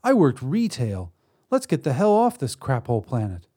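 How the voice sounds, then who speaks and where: A man voicing a blunt, incredulous young woman with a high, raised voice. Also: huge pitch swings, normal speed, mellow, breathy edge.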